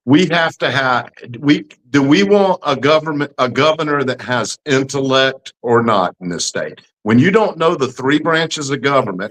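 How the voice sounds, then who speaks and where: A political candidate in his fifties from Alabama, United States, answers interview questions in a folksy, plain-spoken, emphatic manner with a Southern accent. His voice is a little high and a bit bright, and the recording is low quality.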